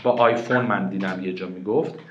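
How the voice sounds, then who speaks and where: A man's voice: deep voice, steady tone, dull audio, background noise. Man teaching in an echoey room. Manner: patient, asks questions and answers them himself. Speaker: IELTS reading teacher. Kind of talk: online private lesson, explaining in Persian with English examples.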